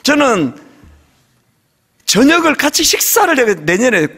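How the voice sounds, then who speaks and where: High, lively-voiced male preacher. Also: unhurried. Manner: conversational storytelling, humorous and animated. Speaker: senior pastor. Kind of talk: sermon. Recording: long hall reverb in a big sanctuary.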